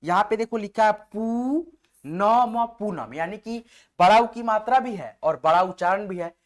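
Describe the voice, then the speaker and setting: A patient male teacher walks his viewers through a spelling lesson, spelling words out slowly one letter at a time. He repeats himself often and keeps checking that his students are following, in a close voice-over. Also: high voice, expressive. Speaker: online English teacher.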